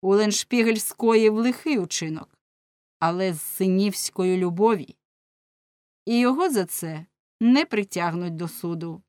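A woman reading an audiobook voices a stern male judge who declaims loudly. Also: medium pitch, unhurried, clean tone, no room sound, clean studio sound, natural voice. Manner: loud, declaiming verdict.

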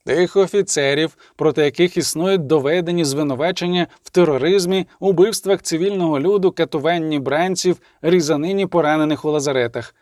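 Male reader voicing a firm, unmoved imperial officer in an audiobook; even and commanding, dry close sound. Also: fairly high pitch, a little fast, hardly any pauses, no echo, lightly acted. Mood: cold. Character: stern imperial male official, calm and unyielding.

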